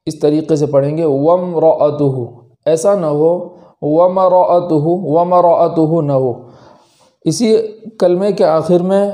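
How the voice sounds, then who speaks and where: Man, Quran recitation teacher, dark-toned, careful explanations, slow recited examples. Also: a little high. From India. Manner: explains step by step, then slowly recites each word as a model. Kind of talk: tajweed lesson with recited examples.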